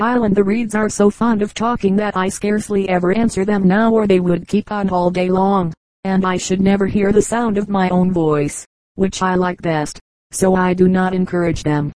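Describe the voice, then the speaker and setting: A woman reading the part of a cheerful talking brook in a storybook, gentle and fond, with an even, mellow voice. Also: mid-range voice, moderate pace, dry recording, close to an everyday voice, low-quality recording. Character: cheerful chattering brook, endlessly happy.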